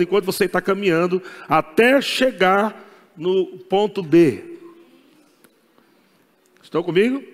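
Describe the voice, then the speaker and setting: A man's voice: sits high, a bit bright, long reverb tail. A Brazilian pastor preaching a sermon, emphatic and repetitive, laughing as he preaches. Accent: Brazilian Portuguese.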